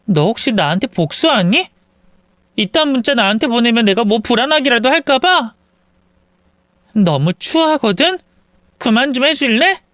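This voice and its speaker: A woman narrator voicing a spiteful young woman, a mistress, who talks in a sharp, scornful and accusing way. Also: on the high side, very animated, moderate pace, long pauses, dry recording, studio quality, voice pushed up.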